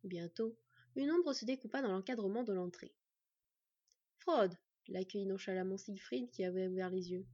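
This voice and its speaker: Breathy woman reading a fantasy novel. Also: medium pitch, a little fast, no room sound, dull audio. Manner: expressive storytelling, acting out the characters. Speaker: audiobook narrator.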